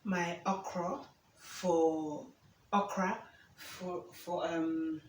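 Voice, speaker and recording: In her home kitchen, a Ugandan cooking vlogger chats casually while preparing food, repeatedly checking in with "okay?". She has a lowish voice, fairly even intonation and drawn-out words, with a little hiss or hum. The recording is roomy, from a distant camera mic, with faint ambience.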